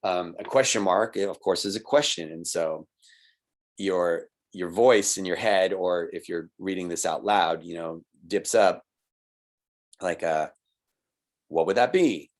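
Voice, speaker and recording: A man's voice: low-pitched, unhurried. A man teaching a recorded online college writing lesson, explaining patiently and checking in with "right?" and "okay?". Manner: explanatory, patient, with little laughs.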